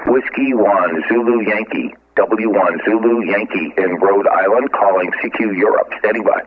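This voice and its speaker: A man on a ham radio call, spelling out call signs in the phonetic alphabet and giving signal reports, often pausing on filler sounds. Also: lowish voice, breathy edge. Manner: halting, with frequent filler sounds. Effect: ham radio call over a narrowband transceiver. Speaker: amateur radio operator. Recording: tinny narrowband radio audio.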